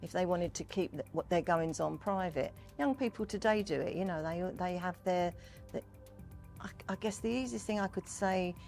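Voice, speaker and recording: An older woman talks in a low voice with a gravelly edge. She tells things in a chatty, wandering way, as in an informal interview, with music behind her. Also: normal speed, a little mellow. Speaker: Pearly Queen and community fundraiser, interviewee. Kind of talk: informal interview talk about history and culture.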